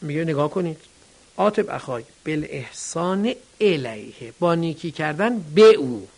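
Gravelly man teaching a grammar lesson. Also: fairly high pitch, lively intonation, a little mellow. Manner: asks and answers his own questions; addresses students directly.

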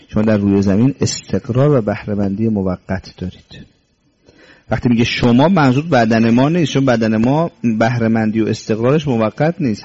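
The sermon comes from a man whose mid-range voice is warm and slightly rough, heard through a dull lo-fi recording. He quotes Arabic scripture and unpacks it, returning to key words, asking rhetorical questions and occasionally turning stern and scolding.

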